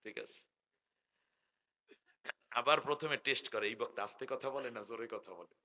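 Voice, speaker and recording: A middle-aged man with a Bangladeshi Bengali accent, preaching loudly through a stage microphone at a public gathering, joking with the crowd and drawing out his call phrases. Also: mid-range voice. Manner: loud, joking, drawn-out chanting of call phrases. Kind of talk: live sermon with crowd call-and-response. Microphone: stage microphone through loudspeakers.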